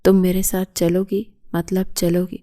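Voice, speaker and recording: An intense young husband pleads and insists on his love, voiced by a woman reading the novel. The pitch stays flat and even, with a soft, mellow tone. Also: close to an everyday voice. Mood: insistent.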